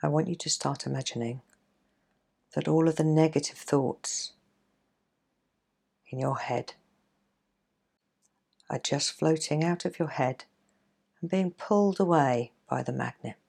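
A woman coach leading a guided relaxation exercise in a gentle, soothing, measured way, leaving pauses between phrases. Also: sits low, vocal fry, husky. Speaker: coach and podcast host.

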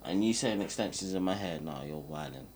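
A young man with a fairly low voice and a London roadman accent. He banters casually, peppers everything with street slang and repeats phrases to drive a point home. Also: brisk, darkish tone, slight background noise. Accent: London, urban roadman slang. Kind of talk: casual banter between friends.

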